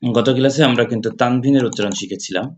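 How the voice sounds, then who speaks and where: Male Quran teacher, patient and methodical, drills syllables slowly. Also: mid-range voice, muffled recording, slight background noise. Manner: patient, repeats syllables slowly with hesitant fillers. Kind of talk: step-by-step recitation lesson.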